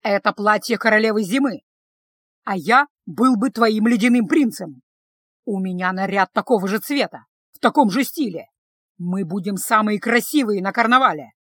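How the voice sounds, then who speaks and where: A woman voicing a jealous, sulky young male vampire, speaking low and curt. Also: big pitch swings, brisk, husky, dry recording, clean studio sound. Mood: resentful.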